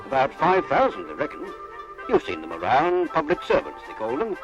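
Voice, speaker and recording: Man, 1950s narrator, folksy, very lively intonation, chatty rhetorical delivery, archive film sound, music behind. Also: on the high side, moderate pace, muffled recording. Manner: folksy, rhetorical questions to the viewer. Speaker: narrator of a council information film.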